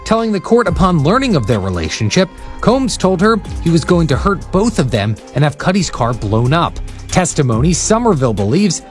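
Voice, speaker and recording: A man's voice: on the high side, very animated, moderate pace, faint music behind. A man narrating a scripted news package as a reporter.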